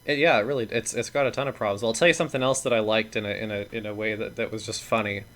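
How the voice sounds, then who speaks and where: A man's voice: fairly low pitch, steady tone, rapid-fire, a bit bright. A man co-hosting a casual podcast chat, blunt and ranting, swearing freely and laughing between points. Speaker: podcast co-host.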